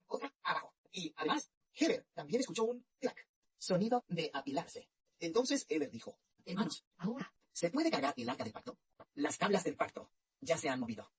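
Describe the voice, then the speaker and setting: A woman tells a spiritual dream story in a measured way, often going back over her phrases. Her voice is very breathy and husky. Her pitch rises and falls in a lively way. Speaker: religious narrator.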